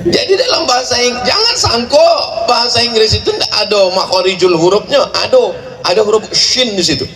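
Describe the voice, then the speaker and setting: A man preaching to a large gathering, playful and joking, rattling off rapid chanted recitation. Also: high-pitched, lively intonation, crowd noise. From Indonesia. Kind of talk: sermon at a large religious gathering. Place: large outdoor or hall gathering at a boarding school. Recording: echoey venue with faint ambient noise.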